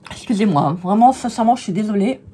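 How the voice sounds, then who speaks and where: A hoarse woman chatting in a casual crafting vlog, gushing over products with many hesitations. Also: mid-range voice, mellow, a little hiss or hum. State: hoarse, losing her voice. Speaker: crafting vlogger.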